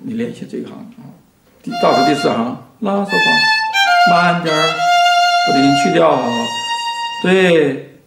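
Gravelly man teaching violin slowly. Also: fairly high pitch, loud music behind the voice. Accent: Mandarin Chinese. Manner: slow, patient, instructive, trails off softly. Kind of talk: explaining to a student in a lesson. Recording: echoey room with violin playing.

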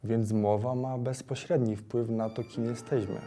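A man's voice: mid-range voice, steady tone, measured pace, music in the background. A young man speaking earnestly and matter-of-factly in a documentary interview.

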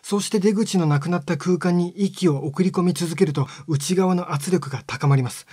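A man giving a scripted lesson on speech sounds, explaining step by step in a calm, polite way. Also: a little high, slightly rough, dry recording, clean studio sound. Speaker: phonetics teacher.

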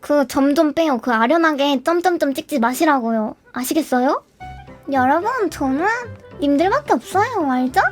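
A young woman streaming live, chatting with her viewers in a flustered, excitable rush of protests. Her voice sits very high and leaps all over the place. Clear background music plays beneath her words. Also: moderate pace. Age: 20s. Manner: animated, flustered and protesting, shouting and laughing. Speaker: livestreamer. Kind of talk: casual chat with viewers. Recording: music playing behind the voice.

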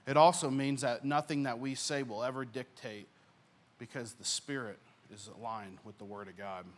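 A young man preaching a sermon on a church stage, speaking earnestly into a handheld mic, rising in volume on key points and dropping soft at the ends of phrases. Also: mid-range voice, steady tone, normal speed. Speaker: pastor.

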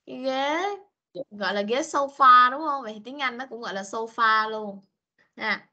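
Teacher, woman, high bright voice, patient and coaxing with little kids, video-call sound. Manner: patient, coaxing, switches between Vietnamese and slow English. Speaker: English teacher. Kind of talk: online class for young children.

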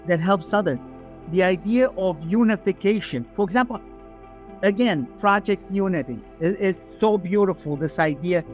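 An older man from Romania, speaking emphatically as a guest on a video call from home, with many fillers. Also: on the high side. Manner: emphatic, digressive, frequent fillers. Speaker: guest, aerospace engineer. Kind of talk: casual interview over video call. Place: home room, indoors. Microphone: webcam video call.

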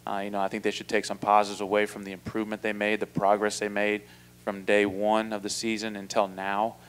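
A male basketball head coach answers postgame press conference questions into a table mic in an indoor press room. His voice is on the low side, and he speaks in a measured, flat way with many fillers and restarts.

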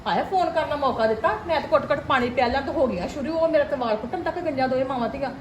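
A woman playing a sharp-tongued, defiant middle-aged mother-in-law who scolds loudly and sarcastically. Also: high-pitched, racing, roomy sound, noisy background, close to an everyday voice. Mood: complaining. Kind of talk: acted family drama.

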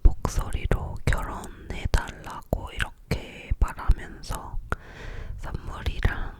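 In an ASMR video, a young woman creator whispers close to the microphone, chatting breathily and without voicing about her own life, and she lingers over words, repeating them slowly as gentle trigger sounds.

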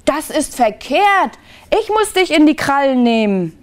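A woman voicing a bossy but soft-hearted bearded vulture in a children's story reading, with gruff commands that give way. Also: sits high, lively intonation, measured pace, voice pushed up.

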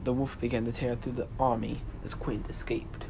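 A man's voice: medium pitch, little pitch movement, moderate pace, vocal fry. A man narrating a homemade fantasy adventure story as its storyteller. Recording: noisy homemade recording.

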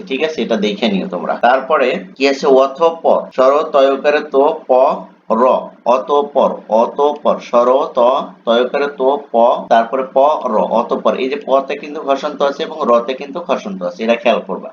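Man spelling out words for students. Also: mid-range voice. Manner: spells out words letter by letter, often asks "right?". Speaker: teacher. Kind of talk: exam coaching lesson. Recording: dull lo-fi sound with faint background noise.

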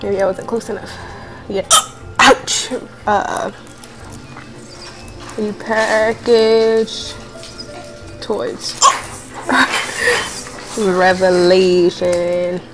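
A woman gamer with the hiccups gives casual, rambling commentary while she plays, laughing and cursing at her mistakes. Her voice sits in a middle pitch, and her words come slowly. Faint game music plays behind her. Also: little pitch movement. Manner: laughs often, swears freely, talks to herself. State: has the hiccups. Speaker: let's play gamer. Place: at home with others nearby.

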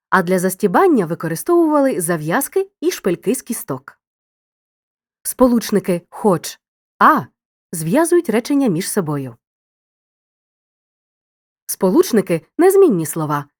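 Lively-voiced woman narrating a lesson. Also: mid-range voice, moderate pace, long pauses, dry recording, clean studio sound. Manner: clear, didactic, addresses the listener directly. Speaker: teacher. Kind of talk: scripted narration.

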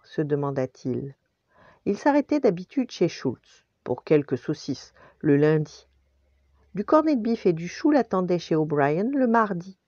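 An older woman, a storytelling grandmother, reads a bedtime tale in a gentle, expressive way. Her voice sits lowish but moves lively up and down. The home recording is dry and slightly muffled. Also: no room sound.

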